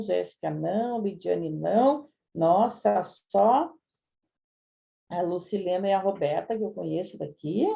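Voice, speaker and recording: Gravelly woman teacher doing a live grammar review, darkish voice, keeps asking the class "né?". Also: fairly low pitch, mellow. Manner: chatty, addresses students directly with frequent "né?". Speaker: Portuguese language teacher.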